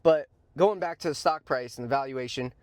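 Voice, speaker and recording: The stock commentary host speaks fairly quickly in a mid-range voice with a darkish tone, recorded dry. He gives blunt, emphatic, conversational opinions in an informal way, adding slangy asides and repeating points to stress them.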